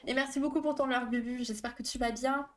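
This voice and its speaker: A woman's voice: high voice, fairly even intonation, fast. A woman therapist hosting a live stream, explaining phobias in a chatty, casual way with many fillers and asides to her chat.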